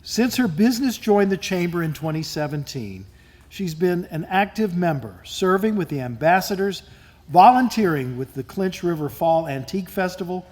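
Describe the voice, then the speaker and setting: A man presenting awards, reading each citation in a measured, formal way. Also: high-pitched, expressive, a little mellow. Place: event hall at a lunch.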